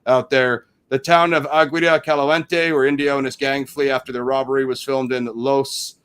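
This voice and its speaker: A man's voice: mid-range voice, level tone, normal speed, fairly bright tone, clear, resonant tone. A man hosting a casual film review chat, reading out trivia and riffing on it with lots of "you know". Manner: reads trivia then riffs on it; chatty, many fillers like "you know". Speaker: podcast host.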